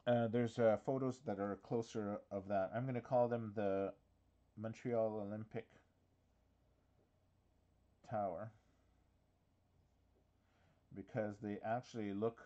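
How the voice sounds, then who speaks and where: A man's voice: lowish voice, fairly even intonation, slow, long pauses, warm tone, highs cut off. A man hosting a casual live walkthrough from his office, talking in a chatty, hesitant way full of fillers and restarts, with the hiccups. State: has the hiccups. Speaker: diorama workshop host.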